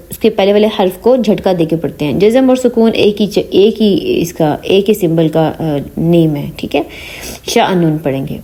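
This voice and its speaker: A woman with a lowish, mellow voice teaches Quran reading in an online lesson. She mixes English words into her Urdu and checks after each point that the learner has understood.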